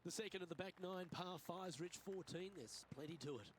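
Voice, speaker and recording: A male golf commentator calls the action in a measured, polished announcer delivery. His voice sits slightly higher than most men's. A faint, steady noise runs beneath it. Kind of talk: scripted sports commentary.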